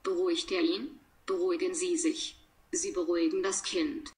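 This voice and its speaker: Woman slowly reading example sentences. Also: on the low side, level tone, darkish tone. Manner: measured, deliberate, pausing between sentences. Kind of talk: slow read-aloud of example sentences.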